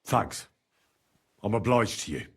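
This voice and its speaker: A man's voice: lowish voice, sing-song, takes it slowly, a bit bright, husky, full character voice. A male actor playing a confident young medieval adventurer in a video game, courteous but secretive, speaking politely and with purpose. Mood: discreet, courteous.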